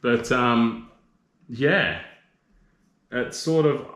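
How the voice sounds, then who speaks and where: A man's voice: mid-range voice, very slow, fairly bright tone. A man in his thirties with an Australian accent hosting a casual live chat with viewers, rambling and teasing them with mate and bro. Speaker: livestream host. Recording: roomy echo.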